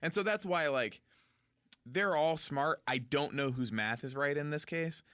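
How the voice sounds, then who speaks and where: A man's voice: fairly high pitch, a little slow, a bit bright, clear, resonant tone, no echo, studio quality. A man co-hosting a comedic podcast, riffing on a TV clip in casual chat and agreeing often with his partner. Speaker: podcast co-host.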